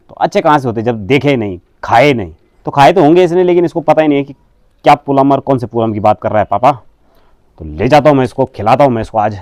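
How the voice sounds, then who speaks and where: A man with a Garhwali accent and a heavy, booming voice, chatting and teasing as he narrates a casual vlog while walking outdoors through a hill village. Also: darkish tone, no echo. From Uttarakhand, India. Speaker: vlogger. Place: outdoors on a village hillside path.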